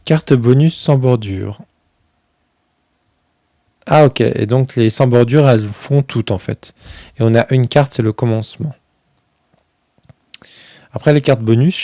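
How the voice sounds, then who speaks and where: A man chatting casually through a review of a tarot deck, filling pauses with "euh" and thinking aloud as he goes. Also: mid-range voice, mellow, no room sound, clean studio sound. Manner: chatty, many fillers, thinks aloud while flipping cards.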